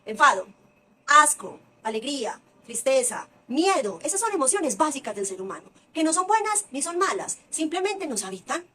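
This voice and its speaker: A middle-aged woman, teaching parents in a casual, lively and emphatic way, piling up short lists. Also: sits high, moderate pace. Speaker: early-childhood parenting educator.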